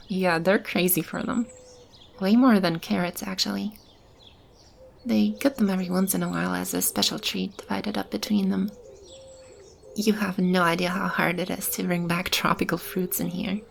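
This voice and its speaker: In a soothing ASMR roleplay, a woman plays the nurturing keeper of a magical animal shelter, speaking softly to a child. Her slightly low voice crackles with heavy vocal fry, and she sounds tender and amused, chuckling now and then. Faint background noise sits behind her.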